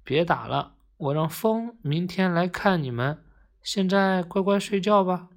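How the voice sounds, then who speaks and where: A storyteller voicing a kind green paint blob that coaxes toys to sleep in a quiet, whispery, slow voice in a bedtime story. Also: mid-range voice, animated. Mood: coaxing.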